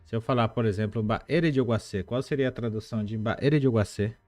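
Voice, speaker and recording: A man teaching a live online language lesson, explaining patiently and repeating words slowly, with chatty asides to viewers. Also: fairly low pitch, a little mellow, no echo, faint music behind.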